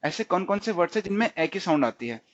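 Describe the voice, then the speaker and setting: A man's voice: high-pitched, very animated, quick pace. A man teaching stenography in a recorded tutorial, often repeating words and quizzing himself. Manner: repeats and quizzes himself, frequent "theek hai". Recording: dull lo-fi recording.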